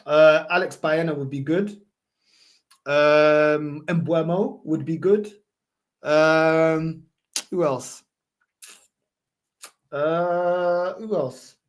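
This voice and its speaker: A London man hosts a football livestream, casually answering viewer comments in a roadman, multicultural London English accent. His voice sits on the high side with a steady tone, and he drags out words and pauses often. His talk is slangy and repetitive, with emphatic phrasing.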